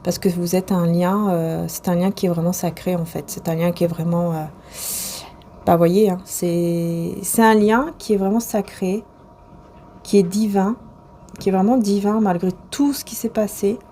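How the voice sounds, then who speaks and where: A woman talks straight to the viewer through a tarot reading, stopping often to hesitate and restart. Her voice is warm and mellow. A faint hiss sits under the recording. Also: fairly low pitch, fairly even intonation, moderate pace. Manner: rambling and hesitant, full of fillers and restarts. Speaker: tarot and oracle card reader.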